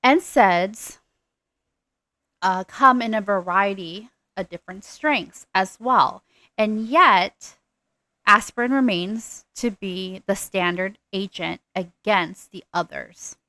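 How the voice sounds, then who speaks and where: A woman giving a recorded nursing pharmacology lecture. She talks deliberately and stresses the key terms as she explains them. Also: medium pitch, bright, forceful tone, dry recording.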